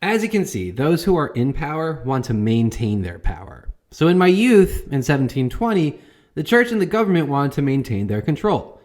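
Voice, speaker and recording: A man's voice: fairly high pitch, big pitch swings, moderate pace, a little mellow. A man playing a young colonial-era printer who teaches a comedic history lesson with a wry, playful manner. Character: young male founding-father printer as a jokey teacher.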